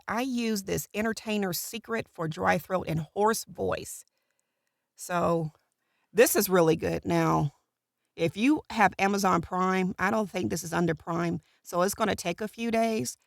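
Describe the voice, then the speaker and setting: A middle-aged woman talks casually to camera, explaining a routine. Her voice sits a little low and crackles with natural vocal fry. The sound is close and dry, as in a small recording booth. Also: dry recording. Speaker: voiceover artist.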